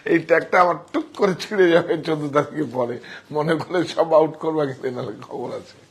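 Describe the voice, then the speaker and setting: A man showing sarees in a live sales pitch, talking excitedly, repeating himself and directing helpers. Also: fast talker. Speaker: saree shop seller.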